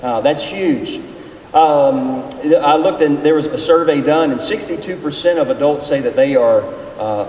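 This pastor in his forties, running a seminar session, has a medium-pitched, darkish voice. His sermon is casual and folksy, and he chats with the group before him and poses questions to them. Captured from a distance in a big, echoing hall, the audio carries noise.

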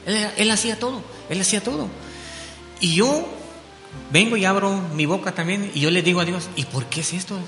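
A man's voice: sits high, brisk. A man from Belize giving an earnest spoken testimony in church, telling his story with frequent tag questions. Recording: echoey hall with soft music.

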